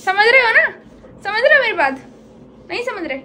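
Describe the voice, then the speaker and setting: Very high pitched woman vlogging casually, keeps asking viewers if they get it. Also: very animated, brisk, a loud crowd, low-quality recording. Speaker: vlog host. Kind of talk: casual vlog chat to viewers.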